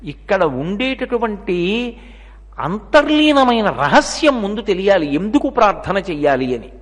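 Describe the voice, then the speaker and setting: A man's voice: high voice, very animated, measured pace. A man with a Telugu accent giving a devotional discourse, asking the audience rhetorical questions and using everyday examples. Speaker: religious discourse speaker. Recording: long reverb of a lecture hall.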